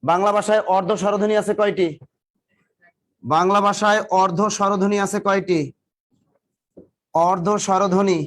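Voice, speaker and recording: A male teacher giving a live classroom lecture, drilling students with repeated questions and teasing or scolding them. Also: high voice. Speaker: exam coaching teacher.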